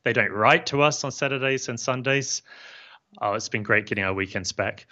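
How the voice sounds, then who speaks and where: Speaking at a medium pitch, a software founder in his fifties from New Zealand talks through his business in an easygoing interview. He stays calm, friendly and measured, keeping his explanations simple. He records in a home office on a studio mic mounted on a boom arm, with headphones on, and the audio sounds a little dull and lo-fi.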